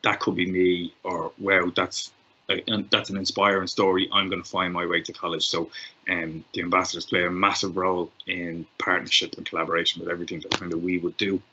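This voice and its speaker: A chatty Irish man hosts an online call, stumbling into restarts as he goes. His voice sits fairly low yet sounds bright and forward. The video-call audio is a little muffled. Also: flat delivery, fairly quick, breathy edge. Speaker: host of an information call. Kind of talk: casual chat.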